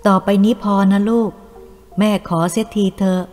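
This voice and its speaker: A woman's voice: mid-range voice, level tone, moderate pace, a little mellow, close to an everyday voice. A woman voicing an elderly mother who scolds her grown son but is fond and teasing, in an echoey room with faint music behind. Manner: scolding then playful, motherly.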